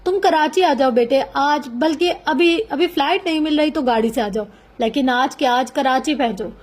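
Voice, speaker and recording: A woman voicing an impatient middle-aged father who speaks loudly and urgently, in a novel reading. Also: sits high, lightly acted. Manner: fast, loud and urgent.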